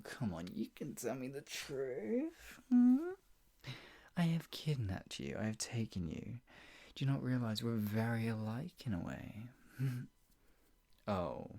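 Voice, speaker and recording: Here the kidnapper role in an ASMR roleplay is delivered at medium pitch with a warm tone and a very animated style, slow and smug, punctuated by teasing sighs and chuckles and often sinking to a breathy, mocking whisper. The obsessive, possessive character starts out condescending and taunting, then turns possessive and menacing.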